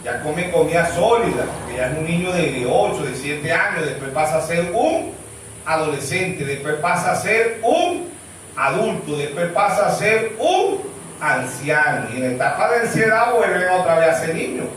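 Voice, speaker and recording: A man's voice: fairly high pitch, expressive, moderate pace, fairly bright tone, slight background noise. A man with a Venezuelan accent preaching a sermon as pastor, throwing rhetorical questions at the congregation. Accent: Venezuelan Spanish. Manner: rhetorical questions, asking "¿sí o no?" for replies. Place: church hall. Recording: very echoey hall, voice far from mic.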